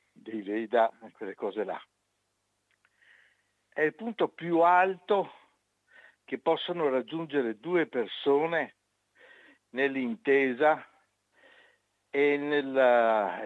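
A man's voice: mid-range voice, dry recording. A man calling in to a radio show over a landline phone, speaking in an indignant, emphatic way. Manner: indignant, emphatic and slow-spoken. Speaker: radio caller. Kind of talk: call-in comment on a radio show. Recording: narrow phone line, dry.

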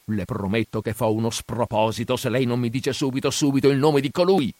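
A man reading aloud voices an angry, hot-tempered young peasant who makes forceful, insistent demands. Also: medium pitch, a little fast, dry recording, lightly acted. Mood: furious.

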